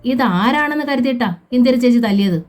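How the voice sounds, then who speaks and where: A woman's voice: fairly high pitch, animated, a little fast, a little mellow, voice pushed up, natural voice. A woman voicing a distressed young woman who pleads earnestly, in a storybook reading. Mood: pleading.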